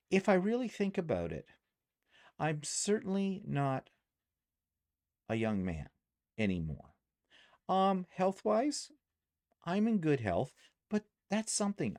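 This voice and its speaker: A man's voice: medium pitch, darkish tone, no room sound, studio quality. A man in his sixties, retired, chatting casually in a rambling way with many fillers on a vlog, possibly with a Canadian accent. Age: 60s. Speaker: vlogger.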